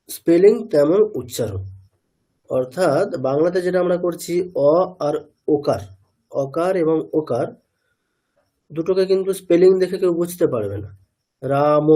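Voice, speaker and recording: A man's voice: a little high, mellow. A man with a Bengali accent teaching a classroom lesson on Sanskrit pronunciation, patiently explaining with repeated spoken examples.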